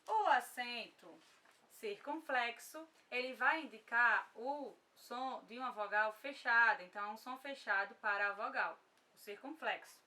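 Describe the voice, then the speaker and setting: A woman's voice: a little high, measured pace, bright, forceful tone, distant mic. A woman with a Brazilian Portuguese accent teaching an online grammar lesson, patient, often checking in with her students.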